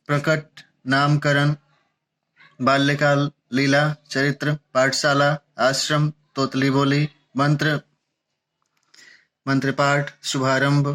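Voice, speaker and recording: A man teaching, slowly reading out a vocabulary list word by word with pauses between them. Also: medium pitch, completely flat delivery, fairly bright tone. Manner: measured, listing words one by one with pauses. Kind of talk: slow recited vocabulary list.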